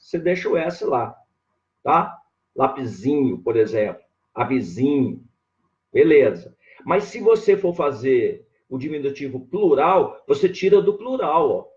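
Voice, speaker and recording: A Brazilian man in a live online lesson, walking his viewers through spelling rules one step at a time. His voice sits a bit high for a man. The stream sounds dull and lo-fi. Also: a little mellow. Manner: explains slowly, spelling words out, often saying "ó" and "tá?". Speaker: Portuguese teacher.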